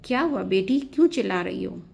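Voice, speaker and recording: A woman's voice: mid-range voice, unhurried, vocal fry. Woman voicing a protective middle-aged mother. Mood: soothing. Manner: soothing but firm.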